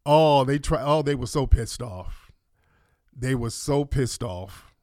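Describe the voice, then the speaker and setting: A man hosts a livestream in a boastful, heated, slang-heavy way. His voice sits at a middling pitch, and the sound is close and dry with no room around it. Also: expressive, takes it slowly, a little mellow, dry recording. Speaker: livestream host. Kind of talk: combative commentary.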